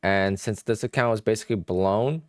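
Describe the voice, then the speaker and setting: On a casual livestream, a young man with Polish-influenced English trades while tossing off thoughts and answering chat. His voice is lowish and his pace moderate, in a dry recording with clean studio sound.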